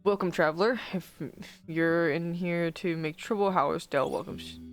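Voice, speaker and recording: Brief: streamer doing a friendly village guard, folksy lilt, average pitch. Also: normal speed, faint music behind, lightly acted. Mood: welcoming. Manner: folksy lilt, attempted Irish or Scottish accent. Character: friendly rustic village gate guard, adult man.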